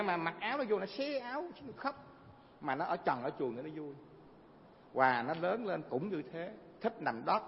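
Gravelly man preaching. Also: fairly high pitch. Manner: animated, asks frequent rhetorical questions. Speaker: Buddhist preacher. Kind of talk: sermon with storytelling. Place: hall before a live audience. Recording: reverberant hall, dull lo-fi sound.

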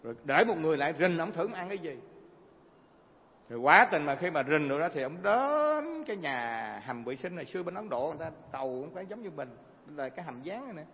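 Gravelly man preaching. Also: fairly high pitch, a little fast. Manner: animated, asks frequent rhetorical questions. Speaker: Buddhist preacher. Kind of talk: sermon with storytelling. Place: hall before a live audience. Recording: reverberant hall, dull lo-fi sound.

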